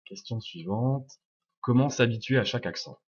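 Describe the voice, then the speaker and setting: A young man, a native French speaker, teaches English pronunciation in a video lesson, explaining step by step and repeating sounds slowly. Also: mid-range voice, breathy edge. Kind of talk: video lesson answering viewer questions. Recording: dull lo-fi sound.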